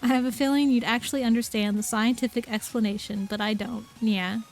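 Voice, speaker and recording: Woman reading as a deadpan young woman. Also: fairly high pitch, a little fast, faint music behind, close to an everyday voice. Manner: monotone, tacks "yeah" onto lines.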